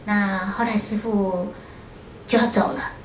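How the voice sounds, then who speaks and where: A Buddhist nun gives a storytelling lecture to an audience. She tells her story in a lively way and often uses short filler words. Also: medium pitch, a little slow, a little hiss or hum. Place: lecture room at a foundation. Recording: roomy hall with faint ambience.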